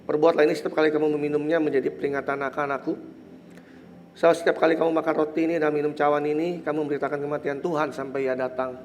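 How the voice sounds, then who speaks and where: A pastor with an Indonesian accent preaches very fast in a level tone, his slightly high voice congested and nasal, mixing in English phrases. He builds to emphatic preaching and drops to soft, murmured prayer in a large church hall, recorded lo-fi with slight background noise.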